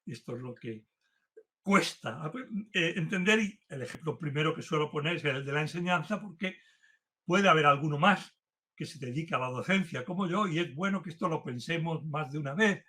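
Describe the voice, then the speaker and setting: A man giving an earnest philosophy lecture, speaking with growing emphasis as he warms to his subject. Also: fairly high pitch, moderate pace, a little hiss or hum. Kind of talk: university-style lecture. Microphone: remote talk to a virtual audience.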